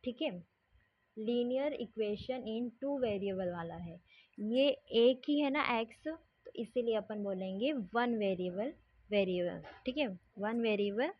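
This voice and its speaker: A woman teaching a maths lesson, explaining step by step and often pausing to check that the class is following. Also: a little high. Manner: patient, repeats "ठीक है" to check along. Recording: dull lo-fi sound.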